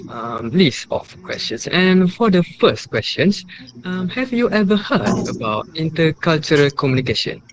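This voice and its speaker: A man's voice: medium pitch, low-quality recording. Hesitant young man, formal. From Malaysia. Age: 20s. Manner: hesitant, many ums, formal phrasing. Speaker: student interviewer. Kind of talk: formal class interview.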